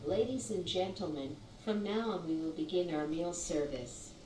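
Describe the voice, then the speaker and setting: Flight attendant on a distant cabin PA. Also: female voice, on the low side, dark tone, reverberant. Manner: slow, measured, formal. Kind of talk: formal cabin announcement. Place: airplane cabin. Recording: distant cabin PA in a noisy plane.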